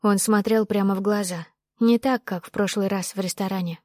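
A woman narrating a novel in first person with a steady, expressive reading. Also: medium pitch, normal speed, dry recording, clean studio sound. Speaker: audiobook narrator.

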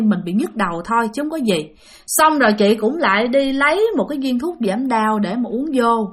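A woman's voice: on the high side, a bit bright. Chatty Southern Vietnamese woman storyteller. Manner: chatty, addresses listeners directly, repeats words for effect. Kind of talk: spoken ghost-story narration.

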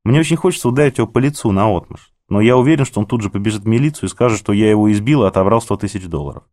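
A man's voice: lowish voice, animated, rapid-fire, a little mellow. A man reading a novel aloud in the first person, with a cynical, sardonic delivery. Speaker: audiobook narrator. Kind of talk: scripted first-person narration.

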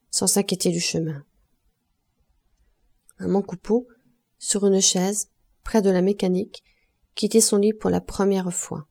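A woman reading a classic novel aloud as an audiobook narrator, measured and expressive. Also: on the low side, vocal fry, slightly rough. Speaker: audiobook reader.

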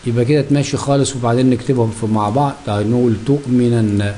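A man's voice: medium pitch, steady tone, rapid-fire, warm tone, a little hiss or hum. A man with an Egyptian Arabic accent teaching a grammar lesson, who keeps asking himself questions and answering them.

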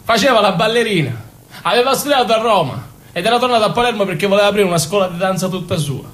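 A stage actor delivers an intense, confessional monologue in dialect as a naive, passionate young Sicilian man, using a Sicilian accent. His high, slightly bright voice is animated and quick, colored by wistful recollection.

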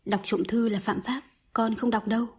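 A woman voicing a defiant teenage schoolgirl who answers back stubbornly, with a very breathy voice. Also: on the high side, fairly even intonation, moderate pace. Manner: sharp, stubborn.

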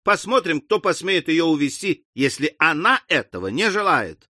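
A man's voice: a little high, very animated, normal speed, bright, forceful tone, no echo, studio quality, exaggerated voice. A man reading an audiobook, voicing a brash, fierce scheming adventurer with haughty, clipped retorts.

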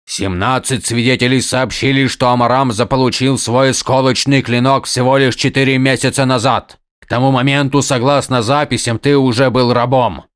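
A man doing a stern old highlord. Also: steady tone, moderate pace, clear, resonant tone, dry recording, studio quality, natural voice. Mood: scolding. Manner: firm, emphatic, scolding. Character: stern older male highlord, weary and commanding. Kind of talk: audiobook character voice.

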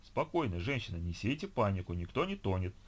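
A man reading an audiobook voices a nervous male ship steward who keeps urging calm. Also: on the low side, a little fast. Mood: soothing. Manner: reassuring with an anxious edge.

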